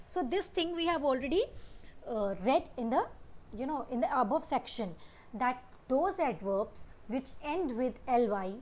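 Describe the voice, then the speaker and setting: Slow-speaking Indian woman teaching grammar. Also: high voice, expressive. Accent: Indian English. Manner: slow, drawn-out reading of word lists; mixes English and Hindi explanations. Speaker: English teacher. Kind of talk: explaining grammar lesson.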